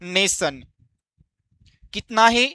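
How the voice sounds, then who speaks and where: A male exam-coaching teacher who talks slowly and deliberately. His voice is bright and crisp, and it sounds dry and close. He explains step by step, throwing out quiz-style questions and answering them himself. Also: sits high, expressive, no echo. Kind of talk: exam-prep lesson.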